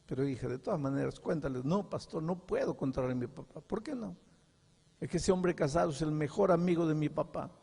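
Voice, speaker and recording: An older man preaches a sermon in a high, gravelly voice with a husky edge. He acts out conversations in his stories, dropping to a hush and then rising loud. The sound rings with long hall reverb. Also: brisk. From Peru. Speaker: pastor.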